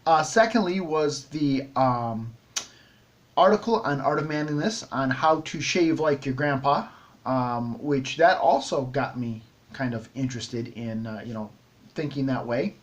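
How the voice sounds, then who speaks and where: A man's voice: medium pitch, animated, unhurried, muffled recording. A middle-aged man hosting a shaving vlog, talking casually to camera with many ums and restarts. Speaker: shaving video host.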